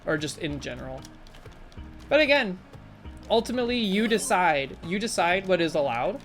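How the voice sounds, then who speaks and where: Chatty streamer woman with bouncy pitch. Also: normal speed, soft background music. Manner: chatty and rambling, with frequent fillers; animated, with sudden jumps in pitch. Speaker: live streamer. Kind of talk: casual live-stream chat while gaming and reading chat.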